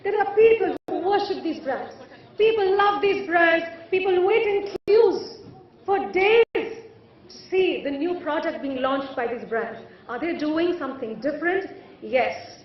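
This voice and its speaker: A woman giving a formal podium speech to an audience, theatrical and rhetorical, with deliberate pauses and repetition. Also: extremely high pitch, expressive. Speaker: conference keynote speaker. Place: large event hall. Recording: echoey hall, distant mic, muffled.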